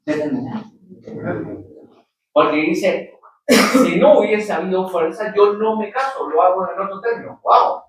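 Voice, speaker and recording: A middle-aged man with a Chilean accent, a professor lecturing his class and telling lively anecdotes, acting out the characters. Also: sits high, unhurried, slight background noise. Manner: animated, acts out characters in anecdotes. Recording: echoey room from far off.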